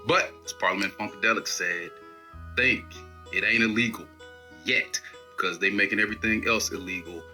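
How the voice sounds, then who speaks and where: A man who is a university professor, recording an earnest, measured video diary with weighty pauses. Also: fairly low pitch, sharp tone, faint music behind.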